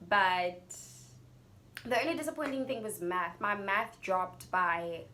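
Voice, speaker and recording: A woman's voice: medium pitch, animated, takes it slowly, pushed and bright. Young South African woman vlogging over background noise. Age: young adult. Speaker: YouTuber telling a personal story. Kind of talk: casual storytime vlog.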